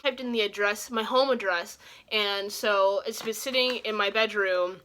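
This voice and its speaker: A young woman with a very bright, forward voice chats informally to her viewers. Her speech is slightly awkward from a swollen, sore cheek, as if she just had dental work. She rambles along in a casual beauty-vlog style. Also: mid-range voice, steady tone, moderate pace, a little hiss or hum. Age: young adult. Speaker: beauty vlogger. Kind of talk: casual chat to camera.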